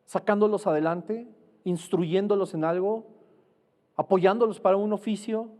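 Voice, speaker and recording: A man's voice: high voice, fairly even intonation, unhurried, mellow, in a large hall. A man preaching a sermon, teaching earnestly and asking rhetorical questions.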